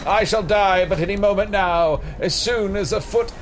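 A man playing a pompous old wizard in improvised fantasy comedy, with grandiose, halting, mock-archaic speech. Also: high-pitched, a little hiss or hum, lightly acted. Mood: feigned dying. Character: pompous, theatrical old wizard, male, faking his own death.

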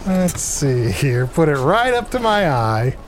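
A man's voice: on the high side, big pitch swings, takes it slowly, a little hiss or hum. A man playing an inquisitive, fretful fantasy adventurer in improvised comedy, talking in a conversational, hesitant, questioning way. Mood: suspicious.

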